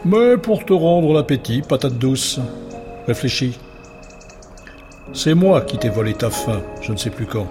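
A man's voice: medium pitch, lively intonation, close to an everyday voice. A man doing a teasing little nightmare creature. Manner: teasing, playful, drawn-out words. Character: small cheeky nightmare creature, crawling, moon-coloured, male. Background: music.

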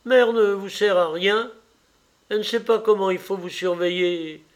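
A man reading an audiobook, voicing a jealous, hot-tempered sixteen-year-old boy who speaks loudly. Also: high voice, moderate pace, voice pushed up, close to an everyday voice. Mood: defiant.

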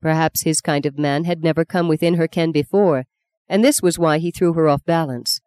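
A woman reads a novel aloud with calm, even delivery. Her voice sits low and mellow, with a warm, dark tone. The recording is dry and close, with no room sound. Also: normal speed, clean tone, no room sound. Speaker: audiobook narrator. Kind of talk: scripted narration.

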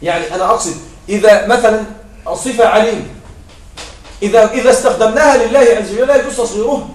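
A man's voice: high-pitched, quick pace. A man teaching grammar in a classroom lecture, repeating his points and checking understanding with short questions. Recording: echoey room, mic far off.

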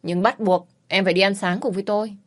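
A woman's voice: mid-range voice, fairly even intonation, quick pace, close to an everyday voice. A woman voicing a young man who teases and insists with his reluctant bride-to-be. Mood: teasing. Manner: teasing, insistent. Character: teasing, pushy young fiancé.

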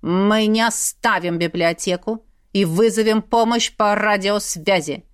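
A woman's voice: medium pitch, normal speed, close to an everyday voice. A woman voicing a stern aristocratic father in an audiobook, giving curt, clipped orders. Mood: commanding. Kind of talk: audiobook character reading.

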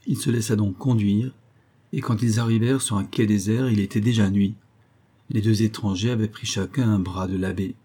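A man narrating a historical novella as an audiobook reader, in a measured, even way. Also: fairly low pitch, husky. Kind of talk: scripted narration.

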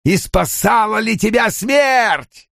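A male narrator voicing a menacing ancient dark lord who speaks in gravelly, drawn-out, taunting threats. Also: high voice, animated, no echo, clean studio sound, voice pushed up, exaggerated voice. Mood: mocking. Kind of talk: audiobook character voice.

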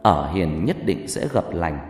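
A man narrating a horror story in a hushed, suspenseful way. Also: low-pitched, animated, unhurried. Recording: reverberant hall with background music.

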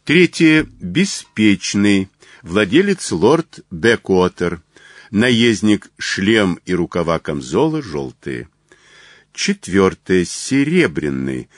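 A male narrator reads a story in an audiobook. His fairly low voice moves lively in pitch while he keeps a slow, careful pace. The recording is close and dry. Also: no room sound. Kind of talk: scripted narration.

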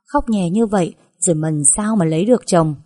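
Narrator puts on a doting older lady for a storybook, soft motherly scolding, husky and warm. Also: on the low side, brisk, close to an everyday voice. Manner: gentle, coaxing, motherly scolding. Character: kind fussing older landowner's wife, doting.

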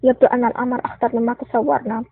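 A woman voicing a calm, firm male army general in an audiobook, on a tinny, dry line. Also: fairly high pitch, very fast, no room sound. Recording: dry, tinny phone-like sound.

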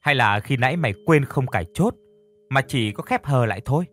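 A man's voice: mid-range voice, expressive, fairly quick, a bit bright. A man voicing a level-headed young male student speaking evenly. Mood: uneasy.

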